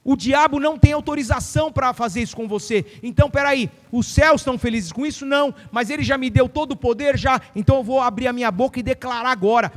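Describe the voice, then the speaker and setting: Brief: middle-aged pastor, very high voice, emphatic sermon, big hall reverb. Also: male voice, fast talker, hardly any pauses. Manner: fiery, emphatic declarations with acted-out quotes.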